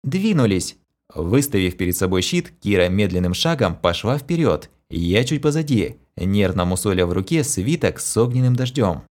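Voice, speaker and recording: A man reading a first-person novel aloud as an expressive audiobook narrator. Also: low voice, moderate pace, hardly any pauses. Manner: expressive storytelling.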